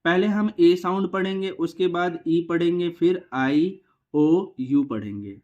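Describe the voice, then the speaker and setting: A man teaching English vowel sounds, asking a question and answering it himself, repeating each word slowly. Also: sits high, darkish tone, highs cut off. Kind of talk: phonics lesson for beginners.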